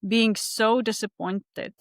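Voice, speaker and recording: A woman reflecting casually in a debrief as a coach, phrasing her thoughts haltingly in short pieces. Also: a little high, fairly even intonation, no room sound, clean studio sound.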